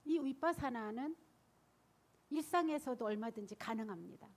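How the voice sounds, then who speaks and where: A woman, a Buddhist nun, giving a sermon and telling stories in a lively, animated way. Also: fairly high pitch, moderate pace. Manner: lively storytelling, animated and laughing.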